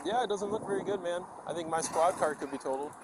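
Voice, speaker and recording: A man working as a police officer, calmly questioning a driver at a crash scene. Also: high-pitched, fast talker. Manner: calm, routine questioning. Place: roadside at night. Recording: noisy outdoor bodycam audio with traffic.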